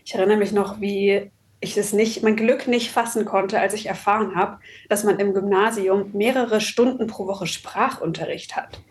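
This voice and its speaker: Speaking at normal speed with medium pitch and fairly even intonation, a woman whose first language is German chats as an interviewed author and copywriter. The conversation is casual and reflective; she's articulate and mixes in the odd English word.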